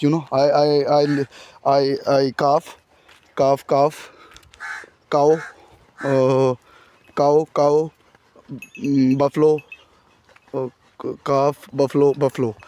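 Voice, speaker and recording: Pakistani-accented man in halting English. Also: mid-range voice, darkish tone. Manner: halting broken English with many filler uhs, laughing at himself. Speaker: village vlogger. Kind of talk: casual vlog to camera. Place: outdoors at a village farmhouse among animals.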